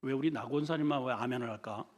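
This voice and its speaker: A middle-aged man, a senior pastor, preaching an animated sermon and having the congregation repeat lines after him. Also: mid-range voice, quick pace. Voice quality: mock shouts for comic voices. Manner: animated storytelling, leads the congregation in call-and-repeat.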